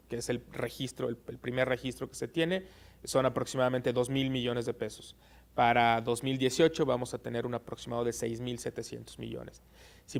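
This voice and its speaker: A man gives careful, measured answers as an invited legal expert, filling pauses with soft hesitations. His voice is gravelly. He sounds like an interview guest explaining things. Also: mid-range voice. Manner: measured, frequent "eh" fillers. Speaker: guest expert on election law.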